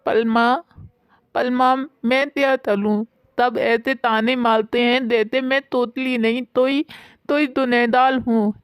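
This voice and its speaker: A woman's voice: fairly high pitch, steady tone, slow pace, clear, resonant tone, dry recording, studio quality. A woman voicing a lisping young woman with a childlike, hurt manner in a storybook tale. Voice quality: childlike lisp.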